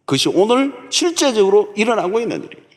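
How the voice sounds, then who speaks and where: A man's voice: high-pitched, sing-song, fast talker. A man preaching a sermon as pastor, emphatic and repeating key words for stress. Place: large church sanctuary. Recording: long church hall reverb.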